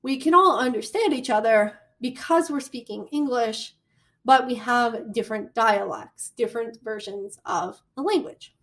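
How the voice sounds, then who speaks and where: A woman with a Midwestern American accent giving a recorded college lecture, chatty and animated, with storytelling asides. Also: on the high side, moderate pace. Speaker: college communication instructor.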